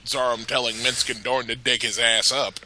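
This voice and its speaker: A man's voice: medium pitch, flat delivery, normal speed, bright, forceful tone, slight background noise. A man co-hosting a let's play, giving casual, joking gaming commentary.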